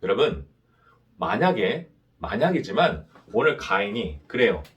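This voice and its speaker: Animated male pastor preaching. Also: fairly low pitch, unhurried, muffled recording. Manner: animated, asks rhetorical questions, has the congregation repeat after him. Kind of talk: sermon to a young adults' service.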